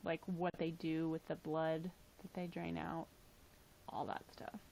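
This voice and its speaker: A woman's voice: low-pitched, little pitch movement, a little slow, vocal fry, a little mellow, slight background noise, rough recording. A young woman casually chatting on her livestream, reading chat aloud and filling her talk with "like" and "um", her voice tired. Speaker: livestream host.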